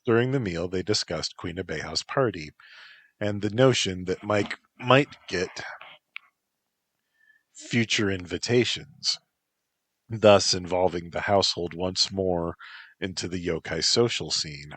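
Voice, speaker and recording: A man narrating a story in a measured, even reading. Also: low voice, slightly rough.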